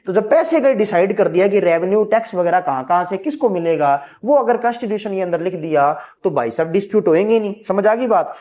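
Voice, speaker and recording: Guy teaching civics for exams, kinda high voice, keeps asking stuff then answering it himself. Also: a little mellow. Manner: asks and answers his own questions, quoting students as "sir"; keeps checking understanding with questions. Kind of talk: exam-prep lesson.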